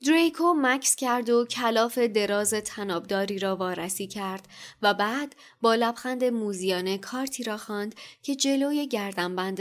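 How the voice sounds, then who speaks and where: Woman, podcast co-host, reading novel aloud, measured expressive narration. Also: medium pitch.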